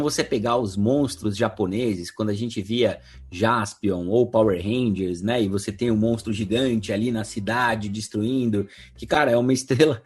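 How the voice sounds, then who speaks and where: A man with a Brazilian Portuguese accent, co-hosting a film podcast in an excited, slangy casual chat. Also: mid-range voice, slightly rough. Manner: enthusiastic, lots of "cara" and "né". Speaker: podcast co-host.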